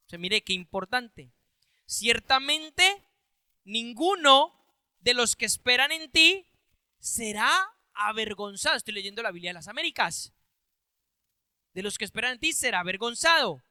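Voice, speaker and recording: A male preacher with a high, bright, clear, and resonant voice delivers a verse-by-verse sermon, reading Bible verses aloud and explaining them. He repeats phrases for emphasis and bursts into loud, emphatic calls, all on a dry recording.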